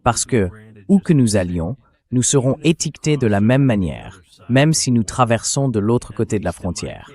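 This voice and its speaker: Thirties man, earnest and measured, interview voice-over with a mid-range voice. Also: medium pitch, very animated, darkish tone. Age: 30s. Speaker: interviewee, community vice-president.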